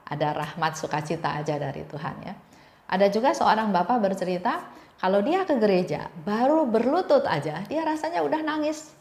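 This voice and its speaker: Female devotional speaker, storytelling tone, mid pitch, reverberant room. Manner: gentle storytelling with repeated phrases. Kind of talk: reflective devotional talk.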